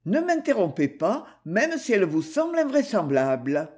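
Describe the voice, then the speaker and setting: A woman voicing a hunted male taxi driver in an audiobook, speaking in a measured, firm way. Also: mid-range voice, sing-song, darkish tone, natural voice. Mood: earnest firm. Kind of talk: audiobook character voice.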